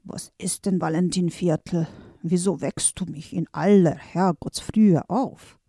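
An old male music wizard with a long grey beard, as a woman puts him on. He talks low, slow and thoughtful, recorded close and dry. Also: mellow, husky, no echo. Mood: grumpy.

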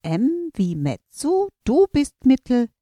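Woman playing a jolly male note-wizard for a storybook; slow loud sing-song rhymes. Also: sits high, huge pitch swings, no echo, clean studio sound, voice pushed up, heavily acted. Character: male music-note magician, cheerful, sings rhymes.

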